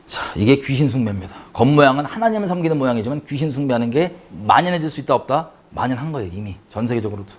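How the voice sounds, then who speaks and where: A man from South Korea leading a Bible study sermon, talking quickly and conversationally and often asking his listeners questions. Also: medium pitch, sing-song.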